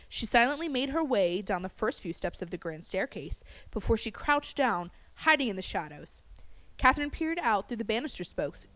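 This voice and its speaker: A woman storyteller narrating a horror story in a suspenseful way, growing hushed at tense moments. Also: mid-range voice. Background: music.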